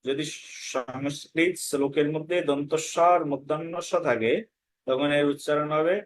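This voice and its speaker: A man's voice: a little high, steady tone, moderate pace. A man teaching a scripture class, patiently repeating words to demonstrate correct pronunciation. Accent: Bengali. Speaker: Gita course teacher. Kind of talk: pronunciation lesson.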